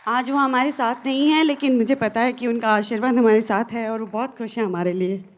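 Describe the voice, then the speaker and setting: A woman speaking earnestly to an audience as a motivational speaker, pausing often with fillers and restarts. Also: a little high, steady tone. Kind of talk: stage talk to an audience.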